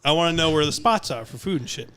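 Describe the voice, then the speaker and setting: A man with a smooth, resonant voice tells a casual comic story. He gets animated and acts out the lines he quotes. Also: fairly high pitch, fast talker. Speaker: comedian guest.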